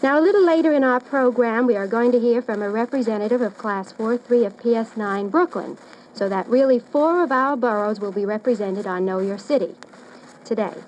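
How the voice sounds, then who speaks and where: A woman's voice: fairly high pitch, a little fast, darkish tone, highs cut off. Lady hosting a kids quiz on old radio, formal and careful, bit of noise on the recording. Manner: formal, carefully phrased address to children. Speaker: quizmaster and host. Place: radio studio.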